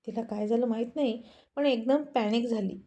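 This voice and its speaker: A woman's voice: fairly high pitch, normal speed, warm tone. A woman telling a moral family story in an emphatic, conversational narration.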